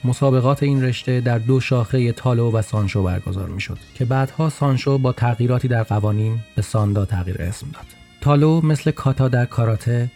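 A man's voice: mid-range voice, warm tone. A man narrating a personal story in a podcast with a wry, humorous touch.

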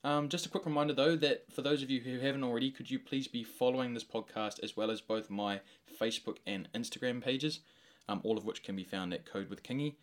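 A man's voice: mid-range voice, a little fast. A man hosting a solo sports podcast, giving a semi-scripted recap in informal, slangy language.

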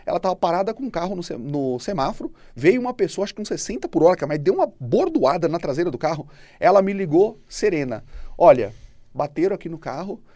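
Homem animado de voz aguda. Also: male voice, sits high, a little mellow, no echo. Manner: conversational, filler-heavy, frequent "né?". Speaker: podcast co-host. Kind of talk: casual business podcast talk.

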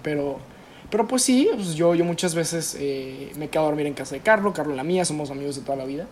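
A man's voice: a little high, animated, fast, a little mellow, a little hiss or hum. A young man with a Mexican Spanish accent telling an anecdote in an easygoing way during casual chat with friends.

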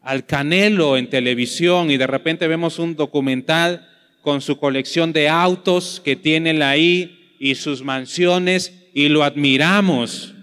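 Slow, earnest Mexican preacher in a hall. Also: male voice, a little high, fairly bright tone, smooth. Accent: Mexican Spanish. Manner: slow, earnest preaching, acting out quoted excuses. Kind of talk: sermon. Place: church hall.

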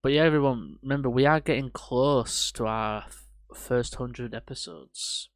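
A man's voice: medium pitch, a little slow, dry recording. Man, podcast host, rambling casual film chat, swears freely, dry close sound. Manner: rambling, swears casually, animated when ranting.

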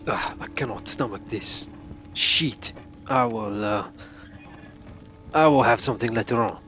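A man voicing a gruff soldier, grumbling and ending his questions with "no?". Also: mid-range voice, sing-song, unhurried, bright, forceful tone, a little hiss or hum, exaggerated voice.

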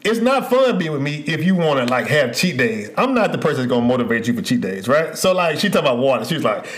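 A man co-hosting a relationship podcast in casual chat, animated and quick to laugh, drifting into playful stories. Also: mid-range voice. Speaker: podcast co-host.

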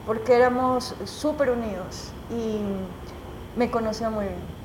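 A woman journalist, telling her own stories as an interview guest in an animated, emotional way, full of restarts. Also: fairly high pitch, a little slow, noisy background. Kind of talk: casual conversational storytelling. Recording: echoey room.

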